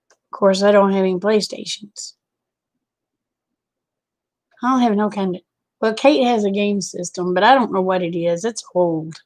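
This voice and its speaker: Sleep-deprived American woman rambling casually. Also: mid-range voice. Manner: sleep-deprived, unfocused, slow to follow; folksy, homey endearments. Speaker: livestreamer chatting with viewers.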